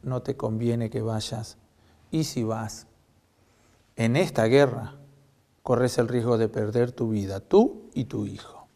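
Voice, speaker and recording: A man doing a grave, hushed Argentine prophet. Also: steady tone. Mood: solemn warning. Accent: Argentine Spanish. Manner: slow, low, measured warning. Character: grave old male prophet, solemn and blunt.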